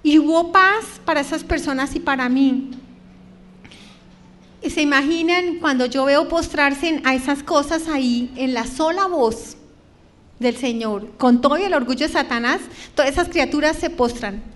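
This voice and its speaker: Before an audience, a middle-aged woman delivers a tearful religious testimony, her pace slowing and words stretching as her voice cracks. She has a high, slightly bright voice.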